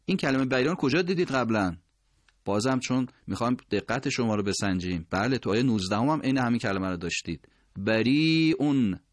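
A man's voice: mid-range voice, animated, no echo. Man teaching recitation, dry close sound. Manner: slow, drawn-out demonstration of words. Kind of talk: tajwid lesson explaining pronunciation.

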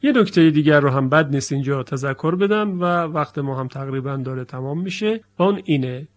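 Man teaching Quran recitation rules, slightly high voice. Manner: explanatory, recites example phrases slowly and clearly. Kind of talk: spoken lesson.

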